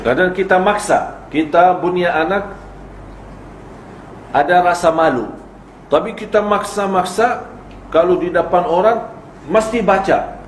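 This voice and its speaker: Male preacher, fairly high voice, teaching style with rhetorical questions; echoey room, faint background noise. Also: a little slow, pauses often. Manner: explains with rhetorical questions and acted examples. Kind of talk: religious lecture on parenting.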